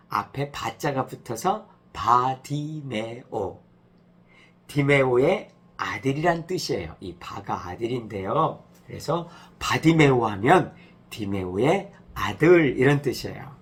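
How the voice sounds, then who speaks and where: A male pastor gently telling a story to children, acting out the cries. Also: mid-range voice, sing-song, takes it slowly, husky. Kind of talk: children's sermon.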